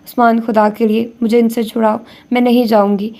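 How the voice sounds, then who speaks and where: A woman's voice: fairly high pitch, little pitch movement, mellow, natural voice. A woman reading a weeping young wife. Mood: pleading. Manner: pleading, tearful.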